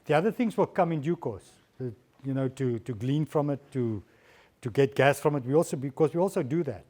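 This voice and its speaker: A man's voice: mid-range voice, lively intonation, a little fast, a little mellow. A man, a diplomat answering audience questions at a guest lecture, often repeating words as he searches for phrasing. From South Africa.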